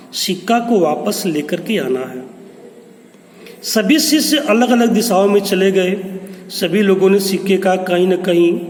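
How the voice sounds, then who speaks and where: A man's voice: high-pitched, a little mellow. A man teaching English poetry, explaining each word in Hindi and telling a story to his students. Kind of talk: poem explanation lesson. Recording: echoey room with long reverb.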